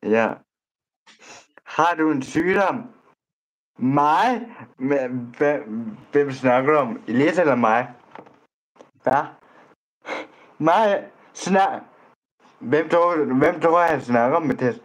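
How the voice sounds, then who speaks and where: A man's voice: a little high, lively intonation, long pauses, rough recording. A man vlogging as he chats with strangers online, blunt and teasing, often tripping over his words and starting sentences again. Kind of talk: casual chat.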